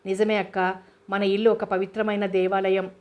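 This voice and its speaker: A woman's voice: medium pitch, flat delivery, normal speed, dull audio, lightly acted. A woman voicing a remorseful young man who apologizes and pleads with his elder sister, read in an audiobook. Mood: pleading. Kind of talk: audiobook character reading.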